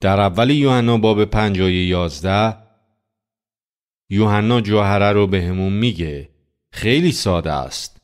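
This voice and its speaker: A man's voice: fairly low pitch, smooth. A man preaching a sermon as a pastor, talking conversationally and putting many rhetorical questions to his listeners.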